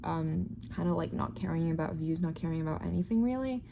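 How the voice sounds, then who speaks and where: Young woman from Brazil, Portuguese speaker, hesitant and rambling in a casual diary vlog, low-pitched, faint background noise. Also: animated, brisk, creaky, warm tone. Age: young adult. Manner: rambling, hesitant, many fillers. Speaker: vlogger.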